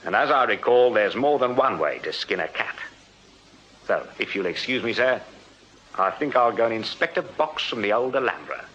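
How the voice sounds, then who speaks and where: An actor playing a shrewd, courteous Victorian police sergeant with an English accent, questioning in a measured, deferential way in a radio drama. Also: male voice, medium pitch, animated, fairly bright tone, husky, dull audio. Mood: wry, dutiful. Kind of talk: period radio drama acting.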